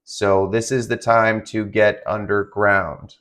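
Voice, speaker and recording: A man doing live severe weather commentary, halting and improvised, giving urgent and direct warnings to listeners. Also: fairly low pitch, little pitch movement, a bit bright. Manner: halting, improvised phrasing with repeated restarts. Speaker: live-stream weather broadcaster.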